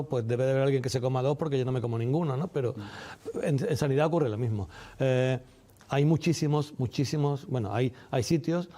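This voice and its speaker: A man giving measured, didactic interview answers, repeating key phrases for emphasis. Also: mid-range voice, dark tone. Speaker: doctor and medical representative being interviewed.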